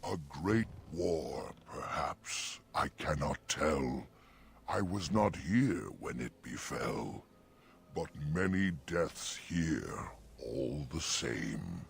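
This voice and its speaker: A man voicing an ancient, gentle, solemn talking oak tree in a fantasy game, speaking archaic rhyming couplets. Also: rumbling low, lively intonation, drawn-out words, gravelly, a little hiss or hum, heavily acted. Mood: somber, reflective.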